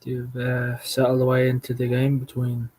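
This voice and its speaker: Husky-voiced man calling a match. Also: mid-range voice, monotone, moderate pace, a little mellow, low-quality recording. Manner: calls passes play by play, blunt and mocking. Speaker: host of a fan watchalong. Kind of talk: casual live match commentary.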